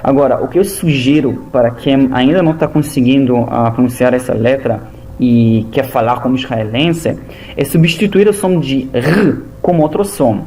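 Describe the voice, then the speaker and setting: Man teaching a lesson, slow and patient delivery with frequent pauses, faint noise in the background. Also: medium pitch, darkish tone. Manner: slow, halting, methodical explaining. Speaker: Hebrew teacher. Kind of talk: language lesson.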